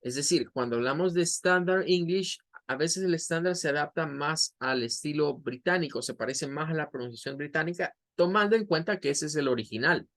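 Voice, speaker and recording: A man with a Latin American Spanish accent, teaching an English class and slowly repeating words to model their pronunciation. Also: a little high, fairly bright tone. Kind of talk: online class explanation.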